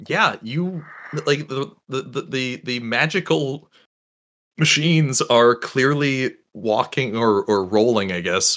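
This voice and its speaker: A man narrating a tabletop game as game master, relaxed and halting, with many fillers and restarts. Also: fairly low pitch.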